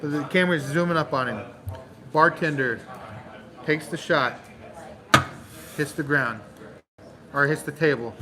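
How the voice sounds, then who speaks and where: An animated man tells a long joke in a loose, casual way, stretching out dramatic pauses. His voice sits a little high for a man. A loud crowd can be heard behind him. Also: low-quality recording. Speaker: channel host.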